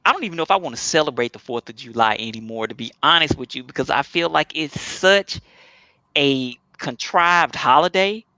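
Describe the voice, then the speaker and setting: Bright, dry-miked opinionated man. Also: on the high side, expressive, a little fast, no echo. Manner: candid, opinionated. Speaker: podcast co-host. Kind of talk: casual group chat.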